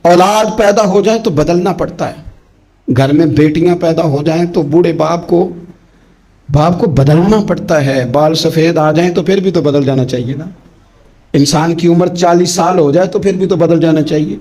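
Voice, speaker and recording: A middle-aged male preacher with a somewhat high voice delivers a sermon. He repeats pleading refrains, climbs sharply in pitch through rhetorical runs, then sinks low and soft. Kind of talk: Urdu sermon.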